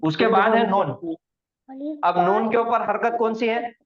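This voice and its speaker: A man teaching an online Quranic Arabic recitation lesson, going slowly, repeating words for students to echo back and quizzing them on the rules. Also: sits high, crowd noise. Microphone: video call. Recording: dull lo-fi online class audio.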